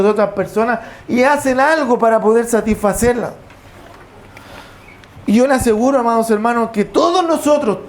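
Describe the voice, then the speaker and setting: Preacher questioning the congregation. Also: medium pitch. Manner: reads scripture aloud and questions the congregation; repeats stock praise phrases. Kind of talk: sermon. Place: church service with a congregation.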